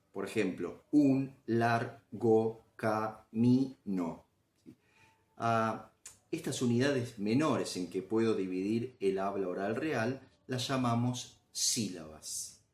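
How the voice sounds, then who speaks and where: A man's voice: fairly low pitch, a little mellow. A man explaining grammar as a teacher, patient and step by step, often checking in with the listener.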